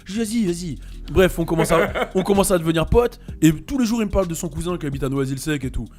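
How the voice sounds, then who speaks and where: A man tells a story among friends, quick and full of swings in pitch as he acts out what others said. His voice sits high for a man. Soft music plays underneath. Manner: animated, acts out quoted voices.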